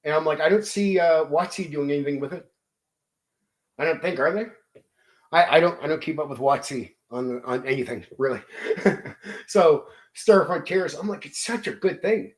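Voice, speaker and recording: A man's voice: on the high side, normal speed. A man hosting his channel, casually recounting a tabletop game session, swearing freely and acting out quotes and sound effects. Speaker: channel host.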